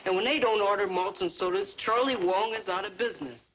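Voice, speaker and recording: A man's voice: high voice, brisk, fairly bright tone. Nagging, exasperated male parlor owner, old TV sitcom, scolding logic, noisy track. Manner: nagging, scolding, step-by-step reasoning. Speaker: ice cream parlor owner. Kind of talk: 1950s-60s TV sitcom acting.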